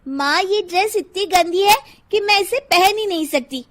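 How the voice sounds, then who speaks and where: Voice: extremely high pitch, normal speed, fairly bright tone. A performer voicing a young schoolgirl daughter in a cartoon, whiny and demanding.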